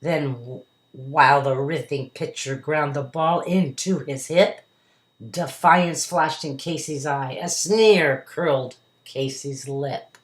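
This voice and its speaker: Low-voiced woman reading dramatically to children, roomy echo. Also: slow. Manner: dramatic, emphatic delivery with acted character voices. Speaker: storyteller reading a picture book to children. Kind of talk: expressive read-aloud of a verse story for children. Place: indoors at home. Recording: roomy, echoey home recording.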